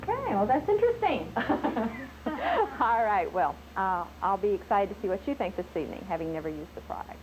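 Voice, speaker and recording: A woman's voice: very animated, fairly quick, darkish tone, poor audio. A woman skin care consultant giving an upbeat, chatty sales presentation at a home party, heard from a worn VHS tape copy. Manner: upbeat, chatty sales pitch with frequent laughs. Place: living room at a home party. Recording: hissy worn 90s home video tape.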